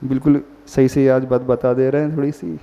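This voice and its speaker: Speaking a little fast in a warm, medium-pitched voice, this Jain monk preaches with a flat delivery to an assembled crowd. He keeps quizzing the audience and slips in English words now and then. Heavy hall echo and muffled lo-fi sound mark the recording.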